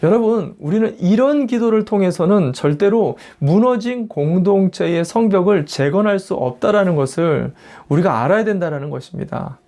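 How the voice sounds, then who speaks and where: Male pastor, sermon, emphatic, mellow voice, slightly high pitch. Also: animated, moderate pace. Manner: emphatic preaching that acts out quoted prayers and family voices. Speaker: senior pastor. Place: church in the United States.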